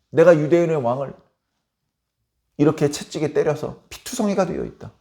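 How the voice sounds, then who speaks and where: A man's voice: on the high side, dark tone. A man voicing a mocking Roman governor who taunts the crowd, in a sneering tone.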